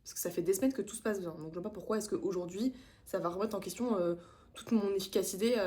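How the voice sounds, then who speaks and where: A woman's voice: mid-range voice, quick pace, mellow. A young woman vlogging casually, telling an exasperated story in slangy, profane speech with English phrases mixed in. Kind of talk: casual ranting vlog.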